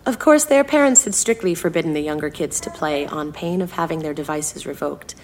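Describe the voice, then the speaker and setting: A woman reading her own short story aloud in an expressive storytelling style, shifting her tone for suspense. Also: fairly low pitch.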